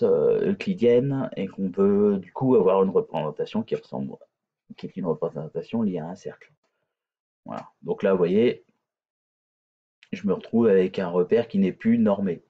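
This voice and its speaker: A man's voice: low-pitched, moderate pace, slightly rough, dull audio. A man teaching a hesitant, filler-filled screencast coding lesson, talking through code on screen. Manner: hesitant, many fillers and restarts.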